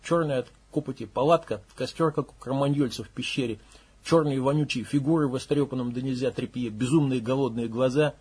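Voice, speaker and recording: A man's voice: medium pitch, a little fast, darkish tone, husky. A man narrating an audiobook in a blunt, coarse manner, with swearing.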